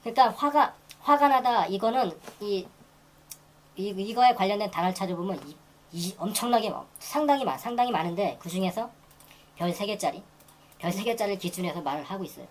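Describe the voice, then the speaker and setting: A woman teaching English grammar in a lecture, repeating phrases and reading example sentences very slowly. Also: mid-range voice, a little hiss or hum, rough recording. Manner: repeats phrases and restarts while explaining.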